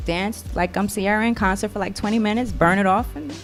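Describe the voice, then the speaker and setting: Chatty animated woman guest. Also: medium pitch, fast, faint music behind. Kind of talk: casual chat.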